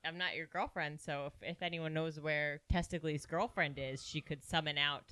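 Bright, clear woman with dry retorts. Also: low-pitched, fairly even intonation, normal speed, no echo. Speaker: tabletop game player. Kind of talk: casual improvised role-play chat.

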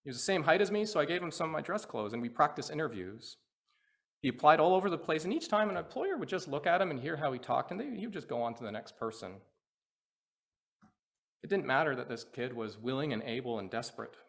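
A man, a pastor preaching a sermon and telling a personal story with earnest, animated delivery. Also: on the high side, fast talker, gravelly. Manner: earnest storytelling that swings between quiet reflection and animated retelling.

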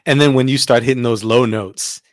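A man's voice: mid-range voice, fairly even intonation, fairly quick, no room sound, clean studio sound. A man co-hosting a casual interview, supportive, mostly chiming in with short affirmations. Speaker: interview co-host.

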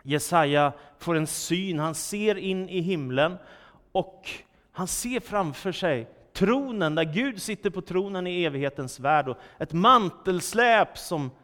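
A man's voice: sits high, expressive, a bit bright. A man preaching a sermon, emphatic and full of rhetorical questions, his voice swelling and dropping for effect. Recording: long church-hall reverb.

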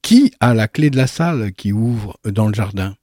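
A man's voice: fairly low pitch, expressive, moderate pace, darkish tone, dry recording, clean studio sound. A man reading a curt, alarmed master of the house. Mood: impatient. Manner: curt and commanding. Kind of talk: radio reading of a novel.

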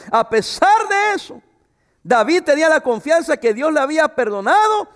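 Man, pastor mid-sermon, high voice, expressive delivery, long hall echo. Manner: expressive preaching with asides. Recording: reverberant hall.

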